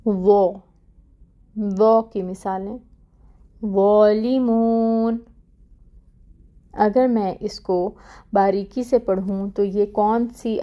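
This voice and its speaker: A woman teaching Quran pronunciation in an online lesson. She explains quickly, then recites each example word slowly and more loudly, and often checks in with "theek hai". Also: mid-range voice.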